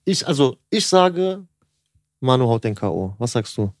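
A man's voice: medium pitch, very animated, moderate pace, dry recording, studio quality. A man hosting a podcast in casual chat, pushy and talking over the others, often repeating himself. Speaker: podcast host.

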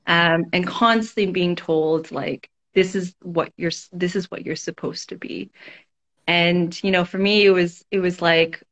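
A woman's voice: fairly low pitch, fairly even intonation, measured pace, a bit bright. A woman guest in a casual conversation, thinking aloud in a reflective way, with frequent fillers and restarts. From Toronto, Canada.

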